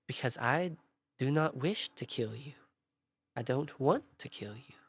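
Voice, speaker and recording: A man playing a calm, weary female Jedi in a tabletop role-play, speaking slowly and thoughtfully with pensive hums. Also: mid-range voice, slightly rough. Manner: slow, measured, thoughtful hums.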